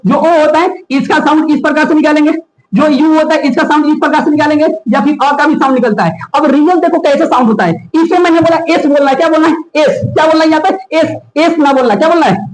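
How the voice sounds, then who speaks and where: Woman teacher, high voice, echoey classroom; keeps quizzing the class with the same question. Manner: drills with repeated quiz questions. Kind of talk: classroom phonics lesson. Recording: echoey room.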